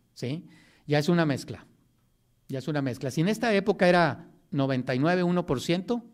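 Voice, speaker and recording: A man's voice: on the high side, darkish tone. A man giving a history lecture in a classroom, talking in a loose, joking way and often checking in with his students.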